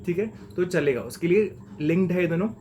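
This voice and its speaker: A man's voice: high-pitched, a little fast, mellow, a little hiss or hum. Slangy young male tutor. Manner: chatty and slangy, keeps saying "okay?". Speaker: CA exam mentor. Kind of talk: casual exam-tips lesson.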